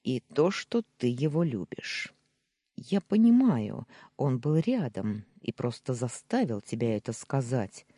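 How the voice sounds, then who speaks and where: Young man pleading read by a narrator; husky, slow, animated delivery, dry booth. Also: medium pitch, no echo. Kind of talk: audiobook character reading.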